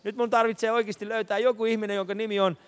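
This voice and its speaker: A man's voice: sits high, flat delivery, smooth. A man hosting a live charity radio broadcast, walking a city street with a handheld mic and calling out names to passers-by. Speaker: radio host. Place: city street outdoors, passing traffic.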